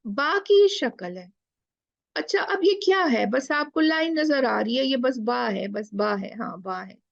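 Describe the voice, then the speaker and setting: A woman teaching Quran recitation in a live online class, slow and patient, stretching out letter sounds and mixing in English phrases. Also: high-pitched, lively intonation, creaky, dry recording, highs cut off. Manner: mixes Hindi-Urdu with English phrases.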